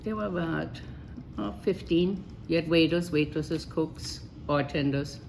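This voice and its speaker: A woman's voice: low-pitched, unhurried, vocal fry, darkish tone, a little hiss or hum. An older woman from Germany, speaking English, telling her life story in an oral history interview in a chatty, matter-of-fact way.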